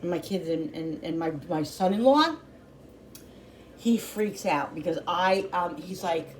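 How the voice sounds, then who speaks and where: Middle-aged mom, cooking vlog host; chatty and rambling, slightly low voice, faint room hum behind. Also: female voice, lively intonation, unhurried. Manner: rambling, chatty, with many restarts. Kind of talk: casual chat while cooking.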